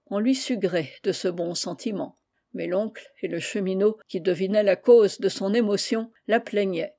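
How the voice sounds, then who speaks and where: A woman reading a classic children's novel aloud in a measured audiobook narration. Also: medium pitch, vocal fry, mellow. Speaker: reader.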